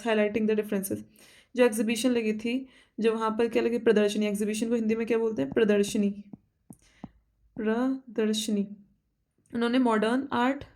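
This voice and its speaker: Steady, flat-voiced Indian woman teaching. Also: on the high side. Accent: Indian English. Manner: repeats each word and asks herself questions, slow careful English reading. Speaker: vocabulary teacher. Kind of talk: exam-prep vocabulary lesson.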